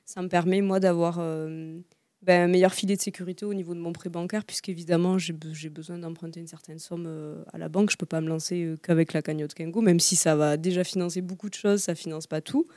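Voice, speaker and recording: A woman's voice: fairly low pitch, fairly even intonation, fairly quick, warm tone, no echo. A woman founding a small zero-waste food business, answering interview questions in a casual, hesitant way with many fillers and restarts. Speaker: guest, founder of a zero-waste tart shop.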